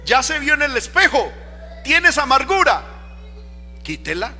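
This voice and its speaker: Male pastor, very high bright voice, slow emphatic sermon, hall reverb, soft music behind. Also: very animated. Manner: preaching, emphatic, rhetorical questions. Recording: long reverb of a church hall. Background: faint music.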